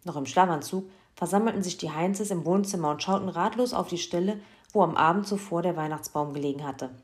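A woman reading a children's story aloud in a lively, expressive way. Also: lowish voice, brisk.

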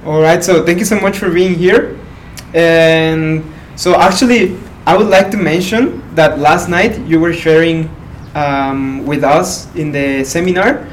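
A young man hosts a podcast interview, halting and filler-heavy as he frames his questions. His voice is slightly high for a man. The mic sits away from him and a steady background noise runs underneath. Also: recorded from a distance, low-quality recording. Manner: hesitant, many fillers, soft affirmations. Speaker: podcast host.

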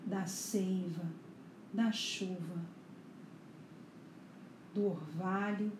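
Very slow, soothing hushed woman guiding meditation. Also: fairly low pitch, steady tone. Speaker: guided meditation leader. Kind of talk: slow guided meditation narration. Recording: echoey room, faint background noise.

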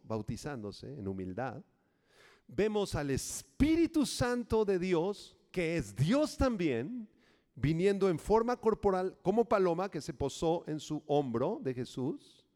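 A male pastor delivers a sermon in a hall with a long echo. His voice sits fairly high and moves a lot, jumping between loud, rousing lines and soft, careful instructions. He teaches patiently, step by step.

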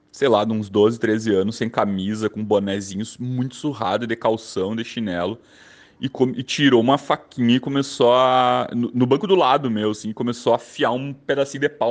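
Gaúcho man, casual storyteller, rambling with fillers, mid-pitched. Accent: southern Brazilian gaúcho. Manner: loose, rambling, lots of fillers.

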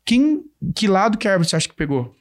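Fast, high-voiced São storyteller. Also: male voice. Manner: lively storyteller acting out dialogue. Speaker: podcast host, police officer. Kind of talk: casual storytelling interview.

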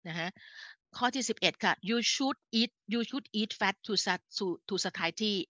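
Bright-voiced woman, chatty health talk. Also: mid-range voice, very slow, dry recording. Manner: chatty, with frequent self-corrections and fillers; speaks to listeners as an older sister. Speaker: health educator hosting a live stream. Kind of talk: casual explanatory live talk.

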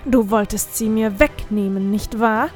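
A woman's voice: medium pitch, measured pace, darkish tone, soft background music, natural voice. Give me a vengeful male goat demon from an audiobook, put on by a woman narrator, taunting and gloating. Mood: mocking.

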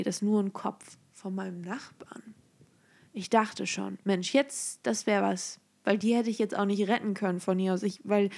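A young adult woman telling a story in a casual, sarcastic way, dropping into hushed asides. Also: medium pitch. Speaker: vlogger.

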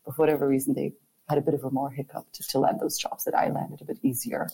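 Mellow woman. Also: rumbling low, flat delivery, fast talker, creaky, slightly rough. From Germany. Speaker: guest, architect. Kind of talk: casual interview chat.

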